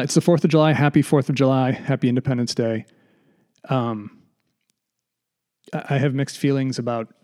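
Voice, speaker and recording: A man hosts a solo podcast from a home studio, slightly out of breath. He rambles along in a self-mocking way, restarting his sentences often, at a middling pitch for a man. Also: darkish tone. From United States. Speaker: podcast host. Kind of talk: casual solo podcast monologue.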